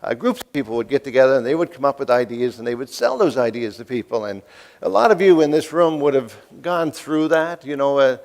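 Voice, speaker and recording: A man's voice: medium pitch, lively intonation, brisk, darkish tone. A man in his fifties, from the East Coast, giving a folksy, joking keynote speech and asking the audience questions. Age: 50s. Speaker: keynote speaker.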